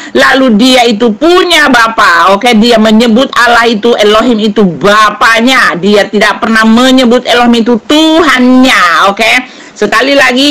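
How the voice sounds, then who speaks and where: A woman debating forcefully over phone voice notes, pressing her point and repeatedly asking "okay?". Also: a little high. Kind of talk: voice-note debate.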